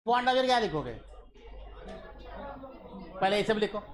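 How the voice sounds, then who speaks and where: A man's voice: high voice, lively intonation, normal speed. A man teaching physics in a classroom lecture. He jokes and teases his students, slips English phrases into his explanations and repeats the key terms. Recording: live classroom recording with student chatter. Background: chattering students.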